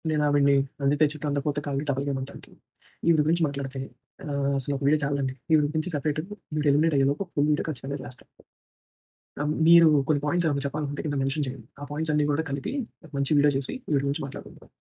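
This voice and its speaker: Man, sarcastic reality-show commentary, husky, slightly high voice, dull lo-fi sound. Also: little pitch movement, dry recording. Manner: opinionated, sarcastic, fast-talking. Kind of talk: casual video commentary.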